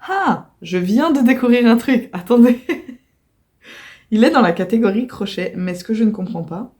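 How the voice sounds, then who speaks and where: A woman's voice: a little high, animated, measured pace, darkish tone. A woman vlogging casually at home about her crafts, chatty and often apologetic, with many fillers and self-corrections. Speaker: crochet vlogger. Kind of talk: casual chatty video talk. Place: at home by a computer.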